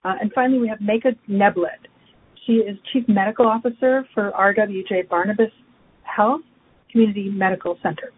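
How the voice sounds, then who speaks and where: A woman moderating a webinar, reading formal, measured speaker introductions. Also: mid-range voice, steady tone, breathy edge. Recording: tinny phone line with faint noise.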